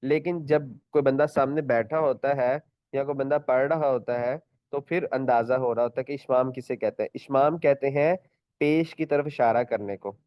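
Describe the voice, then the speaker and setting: A man teaching Quran recitation in an online class, patiently repeating each point, stretching out words as examples and clearing his throat often. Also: mid-range voice, moderate pace, dry recording, muffled recording.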